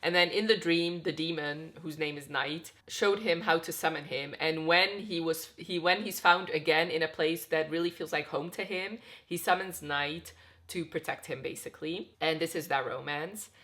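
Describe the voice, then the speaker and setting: A young woman book vlogger rambles casually about the book she's reading, filling her speech with "like." Her voice is low, steady, and a bit bright at a normal speed, but sounds a bit off because she's tired and getting sick.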